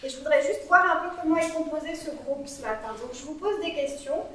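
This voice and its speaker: Talking a little fast in her high voice, a woman psychologist engages a small audience conversationally, using plenty of "euh" fillers, in an interactive conference talk. The cool meeting room is very echoey, and the distant mic picks up background noise.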